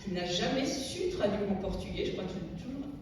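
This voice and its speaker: A French woman, middle-aged, speaks at a tribute in a measured, reflective way, often pausing to find the right word. Her voice sits at an ordinary pitch and carries a heavy echo from a large hall. The mic is far off, and steady noise runs underneath. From France. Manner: reflective, searching for words. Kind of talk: public talk with readings. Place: large echoey hall at a public event. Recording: echoey hall, distant mic, noisy.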